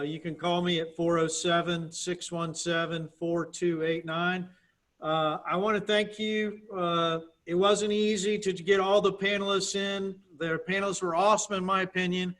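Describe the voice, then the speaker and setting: A man's voice: high voice, fairly even intonation, moderate pace, a bit bright. A man moderating a group meeting, upbeat and informal as he thanks the panelists and calls on the next speaker. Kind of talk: casual meeting hosting.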